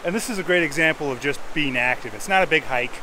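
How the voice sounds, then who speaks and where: Clear outdoor noise of rushing creek water surrounds a man with a slightly high voice. He chats to the camera in an easygoing, conversational way, like a casual vlogger out on a trail. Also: lively intonation. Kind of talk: casual outdoor vlog talk. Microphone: camera on a tripod, fairly close.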